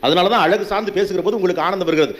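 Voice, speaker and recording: Fast, high-voiced man giving a fiery speech. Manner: emphatic, rhetorical questions, punchy repetitions. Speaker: motivational speaker. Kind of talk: public motivational speech to an audience.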